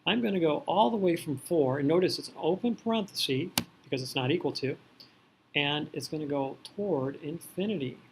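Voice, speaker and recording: A man's voice: fairly high pitch, brisk, noisy background. A man teaching an algebra lesson on video, joking and teasing his students as he works through problems. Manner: playful, joking, teasing the class. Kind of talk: recorded video math lesson.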